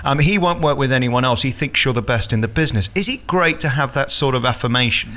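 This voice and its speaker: A man with a medium-pitched voice conducts a relaxed, conversational interview. He frames his questions admiringly and leads his guest along. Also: quick pace. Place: theatre dressing room.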